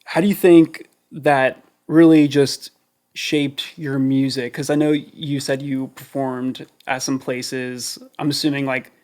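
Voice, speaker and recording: A man's voice: mid-range voice, little pitch movement, takes it slowly, a little mellow. A man hosting a studio interview, asking loose, rambling questions full of fillers. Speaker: interview host. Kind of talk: casual interview chat. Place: recording studio.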